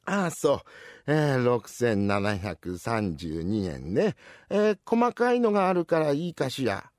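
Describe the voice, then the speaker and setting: A fussy, chatty old woman shopper, as a male storyteller puts her on, rambling and scolding in a comic rakugo tale. Her voice swoops lively up and down. The recording is close and dry. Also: mid-range voice, unhurried, no room sound. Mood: flustered.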